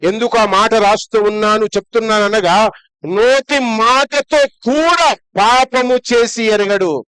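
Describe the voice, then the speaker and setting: A male pastor preaching a Sunday sermon in a lively, conversational way, firing off rhetorical questions. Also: sits high, slow pace, clean tone, no echo.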